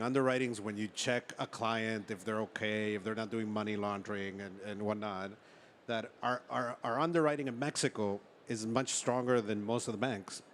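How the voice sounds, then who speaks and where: A low-voiced Ecuadorian man, founder and chief executive of a startup, shares stories in an informal, halting manner during an on-stage interview. The recording carries noticeable background noise and room ambience.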